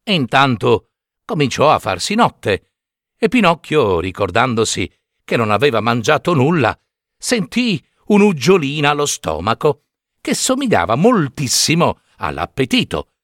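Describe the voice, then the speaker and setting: A man reading a children's story aloud in a lively, unhurried way. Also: mid-range voice, no room sound, studio quality.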